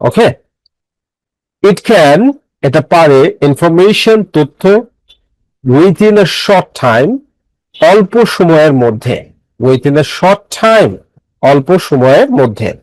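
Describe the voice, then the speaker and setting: Male grammar teacher, fairly high voice, dry close mic. Methodical, repeats and quizzes the class. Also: lively intonation, extremely slow, pauses often, darkish tone, no echo, low-quality recording. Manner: explains step by step, repeats phrases and quizzes listeners; mixes English phrases into his speech. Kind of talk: classroom lecture.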